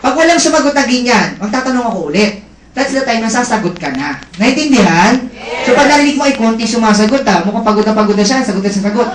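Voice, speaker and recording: A man's voice: very high voice, quick pace, reverberant, poor audio. A man giving a motivational seminar talk, teasing the audience and checking in with them often. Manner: lively, teasing crowd work with frequent check-ins. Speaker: seminar presenter. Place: indoor seminar room.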